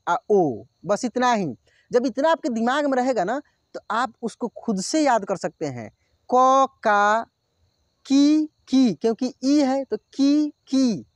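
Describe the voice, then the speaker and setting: Speaking with an extremely high pitch and no echo, a man gives an online Hindi lesson, drilling syllables. He patiently repeats each one and addresses his viewers as friends.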